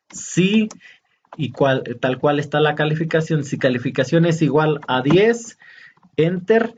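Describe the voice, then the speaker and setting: A man teaching a programming lesson over a screen recording, talking slowly and hesitantly as he points out each step. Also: a little high, darkish tone, muffled recording, a little hiss or hum. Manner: slow, hesitant, pointing out steps.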